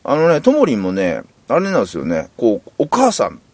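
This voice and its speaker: A man from Kansai, Japan, with a Kansai accent hosts a casual solo podcast, rambling candidly and running himself down. His medium-pitched voice swings widely in pitch, moves fairly quickly, and sounds a little mellow with a breathy edge. There's no echo.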